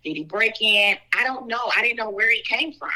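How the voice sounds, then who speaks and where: Bright-voiced woman telling a personal story. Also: on the high side, expressive, low-quality recording. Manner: earnest, talks fast with frequent "like" and "so". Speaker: interview guest.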